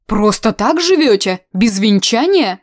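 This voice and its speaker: A woman's voice: medium pitch, very animated, a little slow, no room sound, clean studio sound. A woman reading an audiobook voices an older woman who sighs, frets and exclaims over news, doting and lamenting. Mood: fussing.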